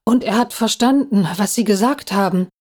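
A woman's voice: mid-range voice, normal speed, darkish tone, voice pushed up, lightly acted. An earnest, shaken young boy squirrel reporting bad news, as a woman narrator reads him. He speaks plainly and urgently in a storybook telling. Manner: earnest, upset.

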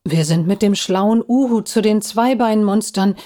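A woman's voice: mid-range voice, measured pace, mellow, pitched above the performer's own voice, natural voice. An earnest, shaken young boy squirrel reporting bad news, as a woman narrator reads him. He speaks plainly and urgently in a storybook telling. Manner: earnest, upset.

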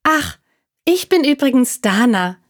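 A tiny, timid squirrel girl from a children's storybook squeaks in a high, piping voice that sits far above a normal speaking voice, as a woman reading aloud puts her on. She sounds anxious and small, and every word comes out thin and pinched. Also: big pitch swings, a little slow. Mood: plaintive.

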